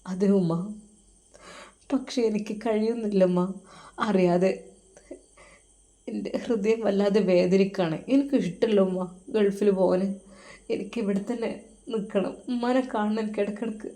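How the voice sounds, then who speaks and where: A woman's voice: mid-range voice, fairly even intonation, natural voice. Woman voicing a heartbroken young cleric. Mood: pleading. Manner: sorrowful, halting, soft-spoken.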